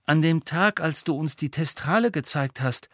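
A man's voice: a little high, moderate pace, fairly bright tone, no room sound, studio quality, voice pushed up, natural voice. A man doing a timid teenage schoolgirl. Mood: anxious questioning. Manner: timid, questioning. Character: anxious clever teenage schoolgirl.

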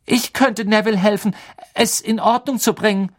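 Man doing a high eager schoolgirl. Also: steady tone, moderate pace, natural voice. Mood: pleading. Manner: pleading, urgent. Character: eager know-it-all schoolgirl.

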